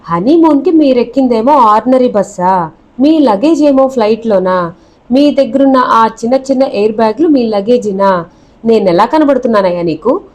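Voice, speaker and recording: A woman's voice: a little high, expressive, normal speed, a little mellow, natural voice. A woman voicing a self-important male bus conductor in a storybook reading, questioning with suspicion and pomp. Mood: suspicious.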